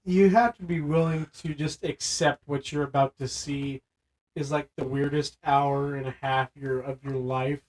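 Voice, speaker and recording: Animated man retelling a film. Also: mid-range voice, a little slow, poor audio. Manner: animated scene-by-scene retelling, full of "like". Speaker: podcast co-host. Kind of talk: casual chat.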